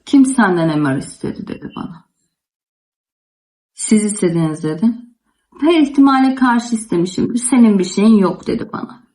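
Young woman home vlogger, chatty and indignant, mid-pitched voice. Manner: animated, indignant retelling with many quoted asides. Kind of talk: casual storytelling chat to camera.

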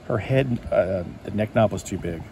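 Here a man with a warm, lowish voice and some vocal fry talks at an ordinary pace while paging through a collector magazine at a table indoors. He rambles to himself, cheerfully pleased by what he finds, over slight background noise.

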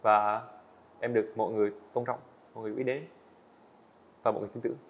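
A fairly low, steady-toned voice belongs to a young student animator interviewed on an indoor studio set. Narrow, tinny audio and slight background noise accompany his quick, earnest, casual replies, which are full of small restarts.

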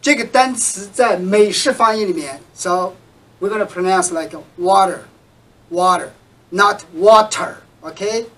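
A teacher giving a recorded language lesson, patiently repeating words and example sentences slowly. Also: medium pitch, recorded from a distance, rough recording. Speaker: English teacher.

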